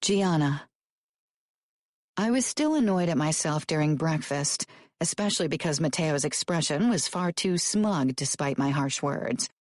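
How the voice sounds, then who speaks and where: A woman narrating a romance audiobook in the first person, with an expressive, lively delivery. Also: low voice, a little slow, no room sound, clean studio sound.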